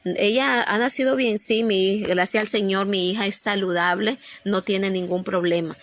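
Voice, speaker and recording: A woman's voice: mid-range voice, fairly even intonation, normal speed, slight background noise. A woman preacher telling an emotional personal testimony to her congregation, earnest and repetitive, often restarting her sentences.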